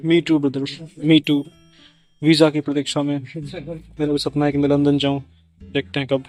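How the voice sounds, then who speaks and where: Casting: young man, comic vlogger, wry asides, slow and unhurried, faint music behind. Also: on the high side, level tone, darkish tone. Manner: joking, wry asides, switching between Hindi and English. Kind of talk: casual comic vlog narration. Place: indoor book fair.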